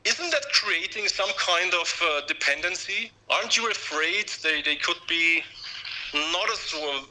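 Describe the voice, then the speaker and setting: A man calls in to a radio show with a very bright, forward voice pitched a little high. He talks as a caller working through an opinion, halting and repeating words as he goes. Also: lively intonation, a little hiss or hum, low-quality recording.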